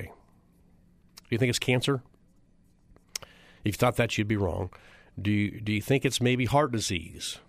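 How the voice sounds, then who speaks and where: A man's voice: fairly low pitch, gravelly, no room sound. A middle-aged man, a chiropractor giving a public talk, repeating figures for emphasis and throwing rhetorical questions at the audience. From United States.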